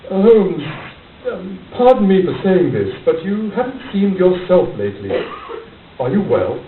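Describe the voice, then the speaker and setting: A man's voice: high voice, measured pace, exaggerated voice. Doctor sidekick for radio play, male actor: amiable, puzzled, courteous, swooping intonation, tinny distant sound. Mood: concerned. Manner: hesitant, courteous, expressive. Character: amiable, puzzled, loyal English doctor, detective's companion. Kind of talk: radio drama acting. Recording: tinny, roomy, distant, hissy amateur recording.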